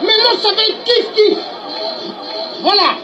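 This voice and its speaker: A man at a street protest delivering a defiant, accusing speech, shouting at times. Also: very high voice, unhurried, over music. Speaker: protester in a played clip. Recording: dull lo-fi clip, loud crowd and noise.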